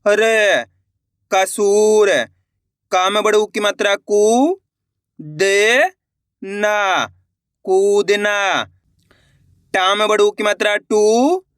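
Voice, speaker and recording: A man with a high, bright voice teaches reading in an online video lesson. He drags out each letter sound slowly and keeps calling his viewers friends. His voice sits close and dry, with no room around it. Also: no echo.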